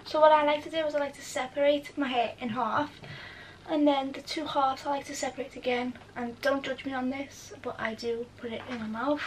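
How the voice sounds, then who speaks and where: High-pitched woman, distant camera. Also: fairly even intonation, a little fast, a little hiss or hum. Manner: chatty, talks viewers through each step. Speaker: beauty vlogger. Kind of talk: casual how-to chat to camera. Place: at home, indoors.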